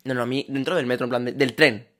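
A young man, co-hosting a casual podcast and telling stories in an animated way, laughing often. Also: medium pitch, fast talker. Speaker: podcast co-host. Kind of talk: casual chat.

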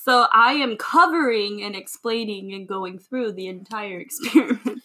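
A woman's voice: mid-range voice, normal speed, bright, forceful tone. A young woman co-hosting a casual trivia chat, laughing often and tripping over her words. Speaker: podcast co-host.

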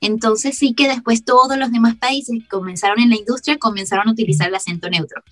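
A woman from Venezuela with a softened Caracas accent, a voice actress explaining her craft as a guest, laughing often as she talks. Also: on the high side, steady tone, fast, soft background music. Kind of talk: casual interview talk.

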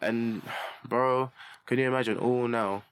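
A man's voice: mid-range voice, steady tone, measured pace, a little hiss or hum. A young adult man with a London accent hosting a podcast in casual, slangy banter. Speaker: podcast host.

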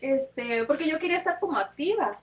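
A woman's voice: high-pitched, fairly quick, distant mic, a little hiss or hum. A woman with a Mexican Spanish accent telling a personal story in a casual chat, acting out what people said. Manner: lively, animated retelling with quoted dialogue.

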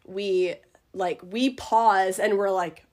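A woman's voice: medium pitch, steady tone, darkish tone. A young woman with a Minnesotan accent co-hosts a casual chat. Her voice is in a middle range. She teases, jumps in with questions and laughs a lot. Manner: teasing, quick to laugh, chatty. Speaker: podcast co-host. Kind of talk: casual true-crime chat.

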